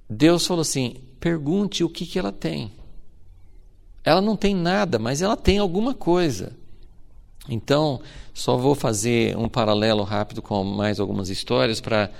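A man's voice: mid-range voice, gravelly. A man preaching a Bible lesson, retelling the stories by acting out the characters' lines, with many fillers. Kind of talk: Bible teaching sermon.

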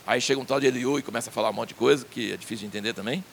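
A man's voice: mid-range voice, very fast, gravelly, a little hiss or hum. A man preaching a sermon in a conversational way, asking his listeners questions.

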